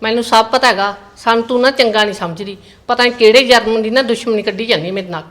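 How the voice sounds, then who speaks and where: A woman's voice: fairly high pitch, quick pace, a bit bright, natural voice. A middle-aged woman playing a mother-in-law who scolds and accuses, with a rural Punjabi accent. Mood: scolding. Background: background music.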